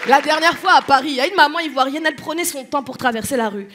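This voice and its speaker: Woman comic from Tunisia, high voice, live stage set, audience laughter and noise behind. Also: quick pace, a crowd in the background. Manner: playful, switching into mimicked voices. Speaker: stand-up comedian. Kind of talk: stand-up comedy set.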